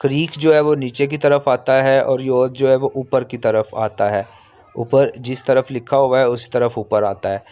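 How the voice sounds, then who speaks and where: Speaking at medium pitch with a slightly mellow quality, a male language teacher explains his lesson step by step. He repeats points and lingers over sample vowel sounds.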